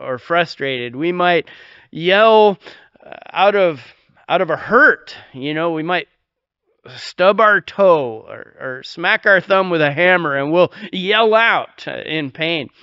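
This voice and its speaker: Male pastor, sermon, high bright voice, slow earnest delivery, slightly dull lo-fi sound. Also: animated, clear, resonant tone, dry recording. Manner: earnest, folksy, raises voice high when quoting scripture.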